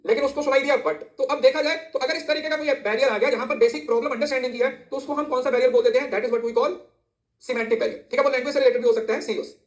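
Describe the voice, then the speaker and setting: A man with a very high voice teaches a lesson at a rapid clip, constantly checking that his students follow and repeating the key terms. The sound bounces around the room he records in. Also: fairly even intonation. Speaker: exam-prep teacher. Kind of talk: code-mixed lecture. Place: indoor room near a road. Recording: echoey room.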